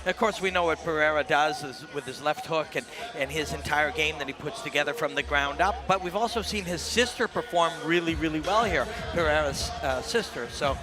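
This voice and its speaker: A man's voice: a little high, brisk, hardly any pauses, over music. A man giving analytical live fight commentary as a colour commentator.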